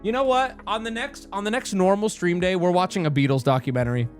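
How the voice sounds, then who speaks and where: A man livestreaming, reacting to clips in casual chat and often bursting into excited shouting. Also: high-pitched, fast talker, faint music behind.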